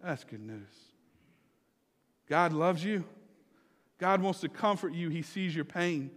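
A male pastor preaching a memorial sermon and prayer in a church, swinging from loud exclamations to hushed, slow emphasis and asking the congregation direct questions. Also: sits high, fairly even intonation, long reverb tail. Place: church sanctuary.

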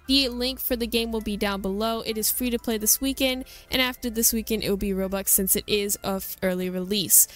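A woman with a mid-range, fairly bright voice hosts a gaming video. She shows things off with casual, chatty, informal commentary.

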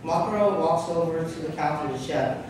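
On stage in a large public hall, a young man narrates a staged play by reading the stage directions aloud from the script. His voice is fairly high and brisk, captured by a distant microphone in an echoey space, with the noise clear.

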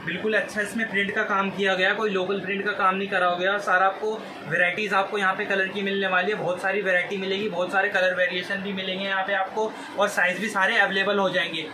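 A man, giving an eager, repetitive teleshopping-style sales pitch to camera. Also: level tone, fast, hardly any pauses. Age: 20s. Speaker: clothing shop presenter. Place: small indoor clothing shop. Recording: clear background noise, shop ambience.

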